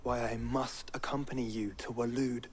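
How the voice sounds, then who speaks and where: A man's voice: mid-range voice, flat delivery, moderate pace, crowd noise, lightly acted. An actor playing an earnest, refined young nobleman in a fantasy video game. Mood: earnest, explanatory. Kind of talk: dramatic video game acting. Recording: game music playing behind the voice.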